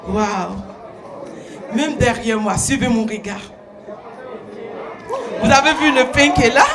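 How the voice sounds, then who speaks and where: A man's voice: extremely high pitch, rough recording. A man voicing a flirtatious, gushing woman with a put-on French accent, who teases the audience and fills every line with "hein" and "oh là là". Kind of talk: stand-up character comedy on stage. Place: concert stage before a large audience. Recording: live stage show with loud crowd and noise.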